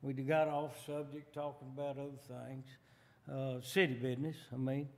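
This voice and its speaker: A man speaking haltingly in a council meeting, often restarting. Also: mid-range voice, level tone, a little mellow. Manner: halting, repeats himself. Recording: long reverb in council chamber.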